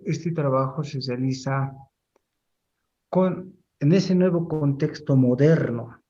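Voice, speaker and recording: In a lo-fi recording, a middle-aged lecturer addresses a university class in a fairly high, mellow voice. He talks deliberately, stopping often and repeating words while explaining.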